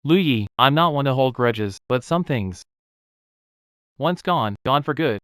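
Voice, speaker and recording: An actor playing a young, proud fruit tree breeder who talks steadily and bluntly in a dubbed drama. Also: male voice, mid-range voice, expressive, measured pace, fairly bright tone, clear, resonant tone, no echo, studio quality. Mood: cold reproach. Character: proud self-made durian grower, young man, calm and firm.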